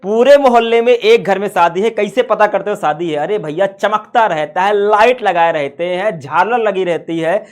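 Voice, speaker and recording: A man's voice: high voice, normal speed, few pauses. A man teaching a science class, playful and full of rhetorical questions to his students.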